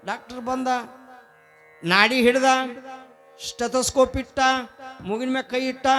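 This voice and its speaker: A man with a North Karnataka accent telling a devotional story as a sermon, lively and acting out characters' quoted words. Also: high voice. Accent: North Karnataka Kannada. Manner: animated, voices characters in quotes. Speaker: religious storyteller.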